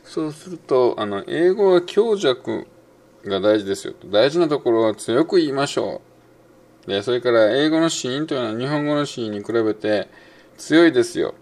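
A middle-aged man with a Kansai Japanese accent gives a casual spoken lesson on English pronunciation. He muses along with many fillers and slows right down to demonstrate words. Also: mid-range voice, expressive.

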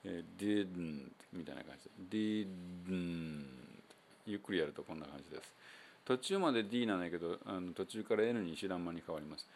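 A man with a Kansai accent giving a casual spoken English pronunciation lesson as the show's host, chatty and loose with many fillers, slowing down to demonstrate sounds. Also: deep voice, lively intonation, vocal fry, a little hiss or hum. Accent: Kansai Japanese.

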